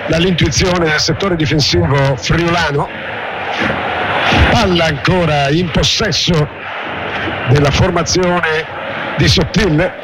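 A man's voice: on the high side, steady tone, slow, long pauses. An Italian man giving live radio play-by-play of a football match in flowing, formal descriptive phrases. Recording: loud stadium noise behind. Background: loud stadium ambience.

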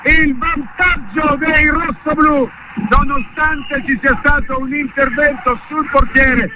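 A male football commentator in full breathless goal-call mode. His voice is high and shouted, with words repeated in bursts. Clear noise runs behind him. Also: steady tone, slow pace. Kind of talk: live Italian football commentary.

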